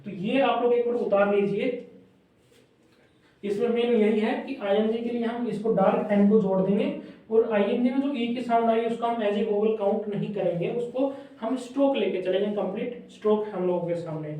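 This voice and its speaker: A man teaching a shorthand lesson at a whiteboard, drilling words by repeating them slowly. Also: high voice, mellow. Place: classroom with whiteboard. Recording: very echoey room, mic far off.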